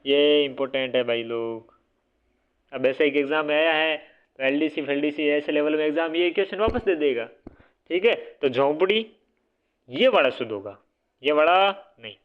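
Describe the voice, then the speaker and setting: A man teaching a casual exam-prep spelling lesson, repeating each word and quizzing his listeners, sometimes correcting himself. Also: a little high. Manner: repeats words, quizzes listeners with "what will it be?"; self-correcting, casual asides. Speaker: Hindi grammar teacher. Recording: phone-like narrow band audio.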